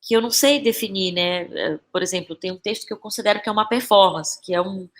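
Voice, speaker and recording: A playwright and actress with a Brazilian Portuguese accent and a mid-pitched voice speaks as a podcast guest in a casual, reflective way. Her speech is halting as she searches for words, repeats phrases, and often adds short tag questions.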